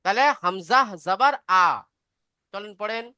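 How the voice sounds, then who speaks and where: A woman's voice: medium pitch, measured pace, bright, forceful tone, clean tone, no room sound, clean studio sound. A woman teaching a beginner reading class online, patiently explaining step by step and asking if students follow.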